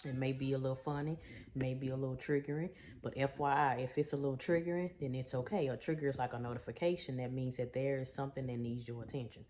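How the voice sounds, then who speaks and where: A woman's voice: rumbling low, fairly even intonation, fast, mellow, slight background noise. A middle-aged woman from Texas, a trauma coach, chatting folksy to her viewers in a story-time vlog and calling them y'all and baby. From Houston, Texas.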